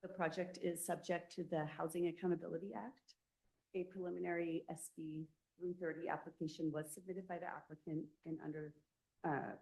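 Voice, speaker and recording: A woman giving a formal presentation of a building project to a town review committee, reading through the permit details at a measured pace. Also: low voice, gravelly, darkish tone, rough recording.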